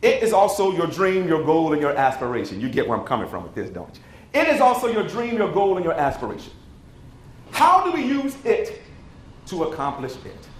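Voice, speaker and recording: A man's voice: on the high side, big pitch swings, fairly quick. A man in his forties from Chicago, giving a motivational keynote in a conference hall, dramatic and acting out the voices. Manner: dramatic, acts out quotes, asks the audience. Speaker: keynote speaker. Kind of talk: motivational speech, storytelling. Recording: roomy hall with faint noise.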